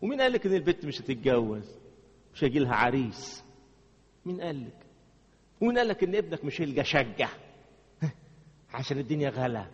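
A man with an Egyptian Arabic accent preaching a sermon dramatically, jumping from loud exclamations to slow, low phrases. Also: slightly rough. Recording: dull sound with long hall reverb.

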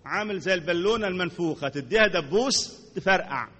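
A man with an Egyptian accent preaching a sermon to a congregation, animated, repeating words for emphasis and asking his listeners questions. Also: sits high, fast talker, long reverb tail, highs cut off, a little hiss or hum. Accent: Egyptian Arabic.

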